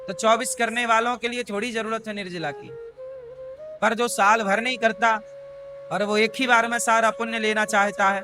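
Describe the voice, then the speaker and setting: A male spiritual preacher giving a devotional discourse to a live audience, folksy and often putting questions to the crowd. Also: high-pitched. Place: large devotional gathering.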